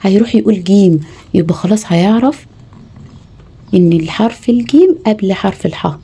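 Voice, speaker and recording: A woman's voice: mid-range voice, lively intonation, a little fast, dark tone, husky. A woman with an Egyptian Arabic accent, teaching mothers how to tutor their children, patiently spelling out letters one by one. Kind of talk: home tutoring lesson.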